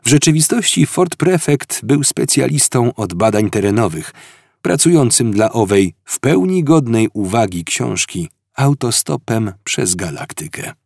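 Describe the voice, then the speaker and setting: A male audiobook narrator tells the story in a lively, expressive way with a dry ironic edge. His pitch is mid-range but moves a lot, and the sound is close and dry with no room. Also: a little slow, gravelly, dry recording. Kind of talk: scripted narration.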